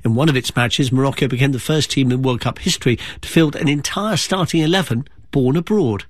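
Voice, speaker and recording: A man presenting radio news and interviewing a guest, measured, clear and conversational. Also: medium pitch, dry recording.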